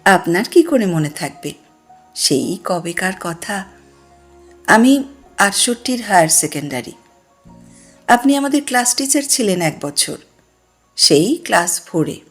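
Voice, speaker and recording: Casting: a woman playing an eager middle-aged ex-pupil, welcoming, slow and husky. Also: medium pitch, animated, faint music behind.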